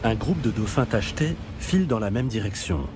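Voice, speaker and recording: A man's voice: lowish voice, animated, a little fast, over loud music. A man reading scripted narration for a nature documentary.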